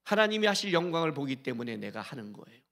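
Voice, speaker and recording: A middle-aged male senior pastor preaching a sermon, urging his congregation with rhetorical questions and swinging between loud exhortation and hushed asides. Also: a little high, sing-song, fast. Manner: briefly sings a hymn line during the sermon.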